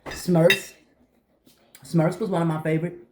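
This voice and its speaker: A middle-aged woman chatting casually to viewers while eating, telling stories in an animated way and acting out conversations. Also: lowish voice, unhurried, background noise. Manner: talking while eating breakfast. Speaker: vlogger.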